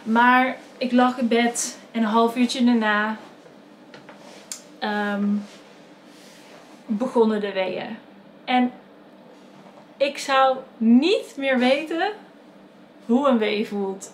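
A woman's voice: fairly high pitch, slow, long pauses, slight background noise. A young woman with a Dutch accent, casually telling a personal story to the camera, chatty and full of fillers and self-corrections. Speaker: vlogger telling her birth story.

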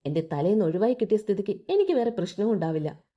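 A woman's voice: mid-range voice, very animated, fast talker, mellow. A woman voicing a scheming young man who coolly lays out a cruel plan.

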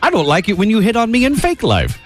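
Guy on radio banter getting defensive, highish voice, swings around a lot. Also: huge pitch swings, fast, soft background music.

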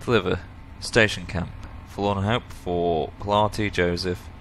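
A man with a fairly low voice hosts a role-play let's play. He comments casually and reads out dialogue choices over faint background noise. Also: fairly even intonation, unhurried, fairly bright tone.

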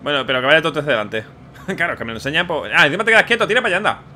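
A man's voice: fairly high pitch, lively intonation, racing, pushed and bright, a little hiss or hum. A man in his thirties giving chatty, wry casual gameplay commentary to viewers as a streamer. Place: small gaming room at home. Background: faint horror game sound.

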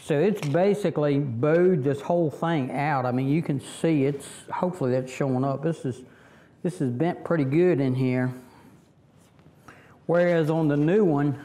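A man's voice: fairly high pitch, moderate pace, mellow. A middle-aged man from Virginia with a Southern accent, rambling in a casual how-to vlog with lots of fillers, kneeling by a tractor outdoors and picked up by a camera a few meters off. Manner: rambling, folksy, many fillers and restarts. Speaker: tractor vlogger. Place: outdoors under a fabric shelter, kneeling by a tractor.

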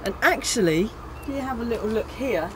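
A woman's voice: on the high side, animated, a little fast, noisy background. Woman, thirties, casual vlog, outdoors, camera mic, squeamish, self-amused. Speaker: vlogger. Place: back garden outdoors.

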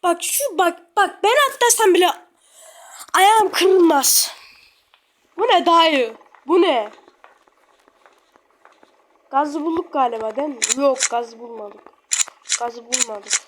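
A woman giving slangy, excitable running commentary while playing a game. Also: high voice, slow, pauses often. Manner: excitable, slangy, blurting reactions. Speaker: gamer. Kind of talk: casual gameplay commentary. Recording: loud background noise.

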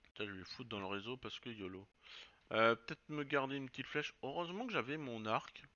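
A man's voice: mid-range voice, expressive, a little fast, sharp tone, lo-fi sound. A man commenting casually on his own game, swearing and thinking aloud as he plays. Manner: chatty, swears, muses aloud while playing. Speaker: let's play gamer.

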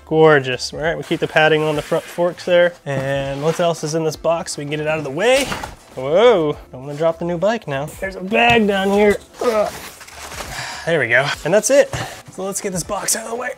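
A man's voice: a little high, moderate pace, background noise. A man hosting a casual vlog, talking in an enthusiastic, chatty way with frequent fillers. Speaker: mountain bike vlogger. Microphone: shotgun or wireless mic.

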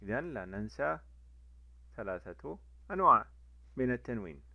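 A man teaching a letter lesson to children, drawing out each sound slowly and repeating it. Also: mid-range voice, vocal fry, no echo. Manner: lively, repeats sounds slowly for young learners. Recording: dull lo-fi dry recording.

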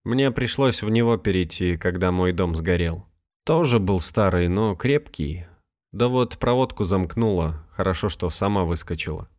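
A weary old village grandmother, plain-spoken and sighing, her voice pitched higher than the teller's own low tone, as a male narrator puts her on. She talks in a rustic, homely way in a storybook reading. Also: animated, moderate pace, darkish tone.

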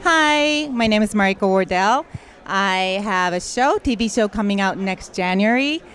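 An easygoing woman actress at a red carpet, talking casually into a handheld mic. Her pitch is mid-range. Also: animated, moderate pace, a bit bright, slight background noise.

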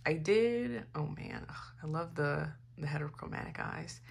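A young woman rambling casually as she sorts K-pop photocards, giggling, filling her talk with "like" and restarts and trailing into soft mutters. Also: low voice, lively intonation, normal speed, gravelly. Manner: drifts into soft mutters while sorting cards. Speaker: K-pop photocard collector vlogger. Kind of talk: casual chatty vlog.

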